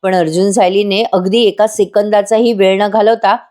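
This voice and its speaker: A woman's voice: medium pitch, steady tone, normal speed, mellow. A woman narrating a voice-over recap of a TV serial episode, chatting directly to her viewers. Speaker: TV serial reviewer.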